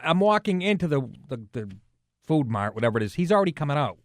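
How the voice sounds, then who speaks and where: A man's voice: a little high, fast talker, no room sound, studio quality. A man co-hosting a radio talk show, telling a comic anecdote casually and acting out the quotes. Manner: animated anecdotes with acted-out quotes and laughs. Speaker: radio show co-host and comedian.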